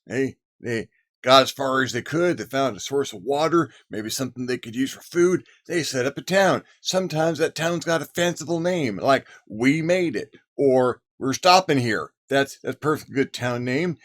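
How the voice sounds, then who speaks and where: A man's voice: medium pitch, expressive, normal speed, fairly bright tone, lightly acted. A man putting on a folksy cowboy drawl. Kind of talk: cowboy voice in a monologue.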